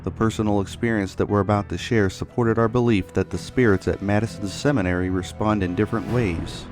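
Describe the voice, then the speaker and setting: Low-voiced man narrating a paranormal documentary. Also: fairly even intonation, brisk. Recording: music behind the voice. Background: background music.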